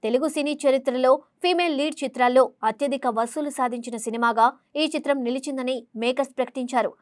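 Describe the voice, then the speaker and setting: Female entertainment news narrator, high register, fast formal read of scripted copy. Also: steady tone, no echo, studio quality. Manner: formal reading delivery.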